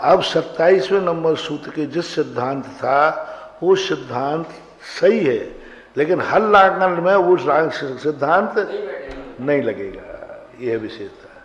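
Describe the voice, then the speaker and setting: Slow, echoey monk teaching grammar. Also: male voice, fairly high pitch, lively intonation. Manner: questions the class and recites rules in slow chant. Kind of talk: classroom grammar lecture. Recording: dull, roomy hall recording.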